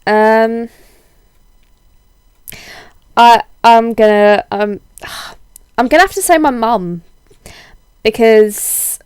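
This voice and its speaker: A young woman with a cold-hoarsened voice, chatting casually in a rambling, self-deprecating way as a video blogger. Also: fairly high pitch, drawn-out words, pauses often, darkish tone, dry recording, studio quality. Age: young adult. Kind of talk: casual chatty vlog, answering tag questions.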